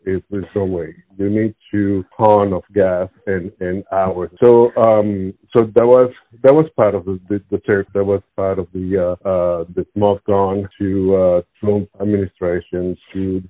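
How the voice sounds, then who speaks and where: Over a tinny, narrowband phone-like line, a Venezuelan man answers interview questions spontaneously. He speaks in a low, flat voice, halting, searching for words and repeating himself, and the recording is dry.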